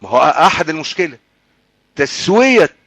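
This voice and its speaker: Heated Egyptian preacher, higher-pitched. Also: male voice, big pitch swings, a bit bright, dry recording. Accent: Egyptian Arabic. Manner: switches between slow chanted recitation and fast, heated colloquial asides. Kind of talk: religious lecture with Quran recitation.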